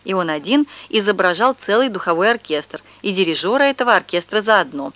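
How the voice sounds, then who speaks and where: Женщина выразительно читает детский рассказ. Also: female voice, medium pitch, fairly quick, dry recording. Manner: lively, expressive first-person storytelling. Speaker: audiobook narrator. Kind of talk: expressive reading of a children's story.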